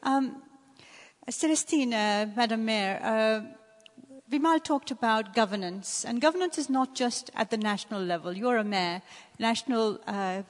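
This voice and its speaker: A woman's voice: fairly high pitch, unhurried. A woman moderating a panel discussion, putting questions to the speakers. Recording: reverberant conference hall.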